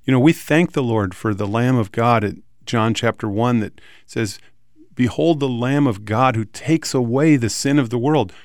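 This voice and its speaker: A man's voice: mid-range voice, moderate pace, dry recording. Male host, mid-range voice, enthusiastic scripture teacher, dry studio sound. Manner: warmly enthusiastic, quoting scripture. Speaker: radio show host. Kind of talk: conversational Bible teaching.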